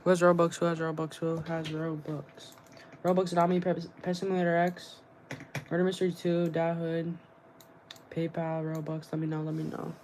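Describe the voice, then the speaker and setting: A young live streamer chats casually with viewers about game trading, using slangy bro-talk and repeating short phrases again and again. His mid-range voice is a little mellow, his delivery completely flat at normal speed, with slight background noise.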